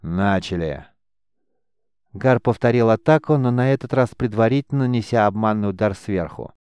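A man narrating an audiobook in a measured, even manner. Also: medium pitch, clear, resonant tone, no room sound, clean studio sound. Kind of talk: scripted narration.

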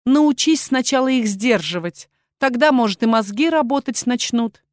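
A woman's voice: fairly high pitch, lively intonation, moderate pace, a little mellow, no room sound, voice pushed up, lightly acted. A sly cat-shifter girl purrs her insults in a sugary, sarcastic tone, as a woman narrator plays her. The voice is dry and close. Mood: sugary mockery. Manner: honeyed, purring sarcasm.

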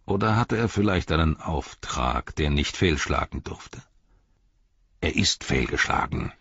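A scornful, gloating herald of a dark lord taunts his enemies, as a man reading an audiobook puts him on. The voice is deep and husky, with a mocking edge that swings higher in sharp jabs. The recording is dry and a bit dull. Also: lively intonation, a little slow, no room sound, exaggerated voice.

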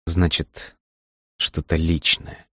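A man voicing a calm, tired young man who keeps his voice low and even. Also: moderate pace, no echo, studio quality, close to an everyday voice. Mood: hushed.

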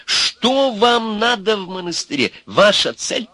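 Figure: a man voicing a fussy old sage, shrill and high. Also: measured pace, no room sound, heavily acted. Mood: stern. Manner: shrill, excitable, stern. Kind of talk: audiobook character voice.

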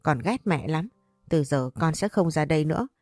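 A woman's voice: sits low, animated, normal speed, a little mellow, no room sound, studio quality, soft background music. A woman voicing a sulky, defiant young married daughter who whines back at her mother. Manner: whining, defiant.

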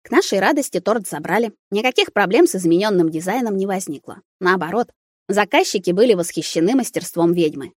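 A woman narrating a story aloud in an expressive, animated reading. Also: mid-range voice, a little fast, no echo, clean studio sound. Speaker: audiobook reader.

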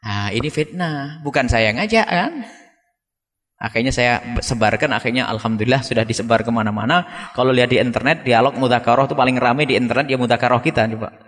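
Man preaching, gets loud and high on the big points then drops back to quiet asides, long echo from the hall. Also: a little fast. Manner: animated, rising to high emphatic peaks then dropping to asides. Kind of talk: sermon.

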